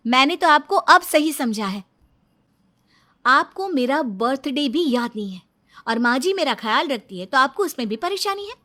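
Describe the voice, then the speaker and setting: A young wife, hurt and ready to argue , as a woman narrator puts her on in a cartoon story. The voice is high and bright, rising sharply when she complains. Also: big pitch swings, unhurried, heavily acted. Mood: complaining.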